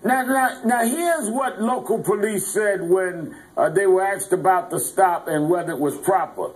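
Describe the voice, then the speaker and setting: A man anchoring a news program, introducing a story and interviewing guests in a measured, earnest way. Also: high-pitched, poor audio. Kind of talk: broadcast news presenting.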